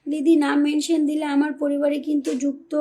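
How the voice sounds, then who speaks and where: A woman's voice: high-pitched, flat delivery, fairly quick, warm tone. A woman hosting a casual live stream, reading out viewer comments and coaxing viewers in a pleading, repetitive way. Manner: pleading, coaxing viewers, repeats names and phrases.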